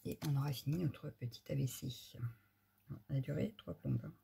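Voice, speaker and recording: A woman's voice: a bass voice, a little fast, gravelly, mellow, a little hiss or hum. A woman hosting a casual crafting tutorial, giving a chatty running commentary as she works, with muttered asides.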